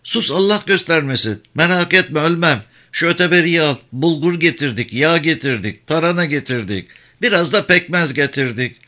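A man's voice: a little high, animated, normal speed, few pauses, sharp tone, pitched above the performer's own voice. A man reading aloud, voicing a worn-out, tearful old village mother with a plaintive lament. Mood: pleading.

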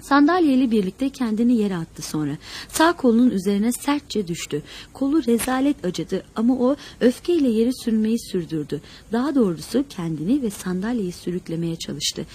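A woman narrating a novel in an expressive storytelling manner. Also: mid-range voice, slight background noise. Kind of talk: scripted audiobook narration.

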